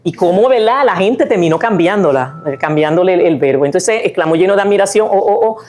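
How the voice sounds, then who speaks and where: A woman speaks as a guest author, her voice sitting a little on the low side. She talks in a loose, lecturing way, full of restarts and little tag questions, and now and then hums or sings a line to show what she means. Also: expressive, fast talker, a little mellow. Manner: chatty, many fillers and restarts, tag questions; sings and hums lines of a song to illustrate. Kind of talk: lecture-style talk.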